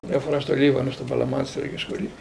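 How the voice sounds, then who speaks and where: A man in his sixties from Greece, a priest and theologian, recounting personal memories as a lively storyteller who quotes others and often repeats words. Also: mid-range voice, gravelly, a little hiss or hum.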